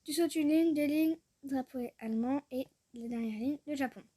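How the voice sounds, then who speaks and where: A young woman chatting casually as a vlogger, trailing off often, giggling, and sounding out foreign words haltingly. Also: high voice, dark tone. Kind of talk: casual screen-recorded chat.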